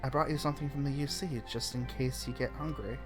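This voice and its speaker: A man voicing a shy, stammering young male college roommate in a game reading, speaking soft and eager. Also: mid-range voice, steady tone, fast talker, music in the background, voice pushed up, lightly acted. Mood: kind.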